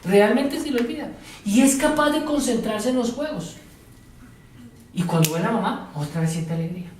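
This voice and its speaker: A man's voice: extremely high pitch, expressive, moderate pace, darkish tone. A man gives a psychology lecture to a class, asking questions and going through examples one step at a time. He sounds far from the mic, and the room rings with heavy echo. A faint hiss sits under the voice. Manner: asks the class questions and repeats their answers; tells examples step by step, now and then playing a teacher or patient.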